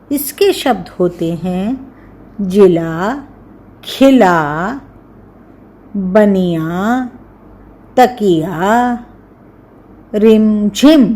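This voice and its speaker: A woman reads out words for learners in a steady, mid-range voice. She speaks extremely slowly, stretching each word and pausing between them. Her delivery is careful and clear, like dictation in a classroom. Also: medium pitch. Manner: very slow, careful, drawn-out word by word. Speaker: teacher. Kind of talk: slow dictation of words and sentences.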